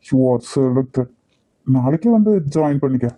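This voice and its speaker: A man with a Nagercoil Tamil accent voicing an arrogant, short-tempered young company boss in a cartoon, gruff and commanding. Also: medium pitch, expressive, takes it slowly, dark tone, no room sound, rough recording. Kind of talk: cartoon voice acting.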